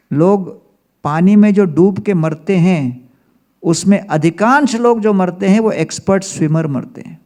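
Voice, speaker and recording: A man acting as a spiritual teacher gives a religious storytelling lecture, sharing humorous anecdotes and mixing in English phrases. His voice sits high but has a dark tone.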